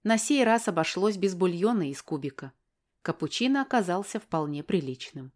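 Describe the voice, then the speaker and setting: A woman reads a first-person story aloud in a wry, matter-of-fact manner. Her voice sits a little low for a woman. She tells it plainly and steadily. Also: lively intonation, normal speed, darkish tone. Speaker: audiobook narrator.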